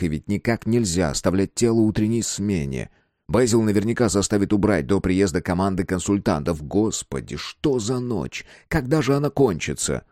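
A man narrating an audiobook in a lively, expressive reading. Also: deep voice, dry recording, clean studio sound. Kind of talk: scripted narration.

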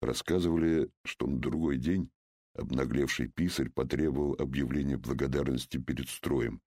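A man reading a first-person memoir in a calm, measured storytelling voice. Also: a bass voice, slightly rough, no echo, studio quality. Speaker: narrator.

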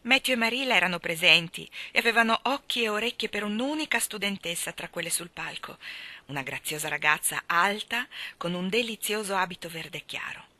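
A woman reading a novel aloud, narrating steadily and lifting her voice for the dialogue. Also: fairly low pitch. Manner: expressive, voices the dialogue with rising excitement. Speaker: reader.

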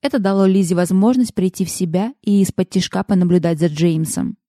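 A woman giving calm, even scripted narration for an audiobook romance novel. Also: lowish voice, fairly quick, no room sound, studio quality.

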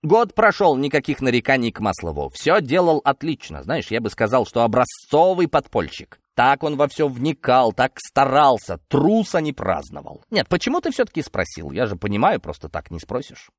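A man's voice: mid-range voice, moderate pace, hardly any pauses, no room sound, studio quality. A man voicing an agitated, blunt party secretary of rural roots who speaks emphatically. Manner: excited, emphatic, rustic bluntness.

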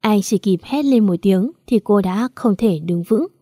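A woman's voice: medium pitch, animated, unhurried, warm tone, no room sound, clean studio sound. A woman narrating a dramatic audio story in a mournful, emotional reading.

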